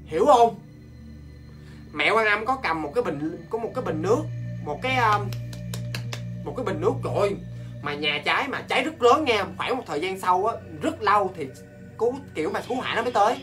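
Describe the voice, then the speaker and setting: A man with a Southern Vietnamese accent, hosting a ghost story show in a chatty, animated way and talking straight to his viewers. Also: high-pitched, faint music behind. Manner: animated, talks straight to viewers, quick asides and laughs.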